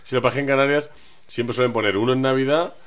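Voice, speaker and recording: A man in a casual radio chat, speaking at a medium pitch. He is chatty and delivers deadpan jokes in an even tone. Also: racing. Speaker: radio show guest host.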